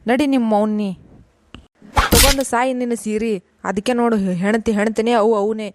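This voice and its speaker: A woman's voice: on the high side, fairly even intonation, noisy background, close to an everyday voice. A woman voicing an exasperated grown son and husband in a cartoon, scolding in a North Karnataka accent. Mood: bitter. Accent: North Karnataka Kannada. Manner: scolding, fed-up, rapid complaining. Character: exasperated adult son and husband caught in family fights. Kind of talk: cartoon voice acting.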